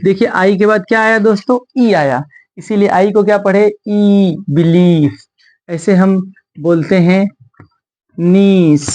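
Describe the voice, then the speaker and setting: A man's voice: high voice, darkish tone. Guy teaching pronunciation, spells stuff out letter by letter, repeats every word, chatty with viewers. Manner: addresses viewers as friends in a patient, explaining tone. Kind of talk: video lesson.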